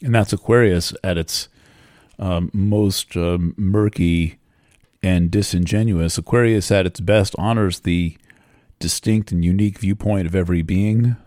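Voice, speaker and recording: A man speaking unscripted about astrology, rambling and unhurried, with many fillers and pauses, into a microphone. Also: sits low, dark tone, no room sound, studio quality. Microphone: studio microphone.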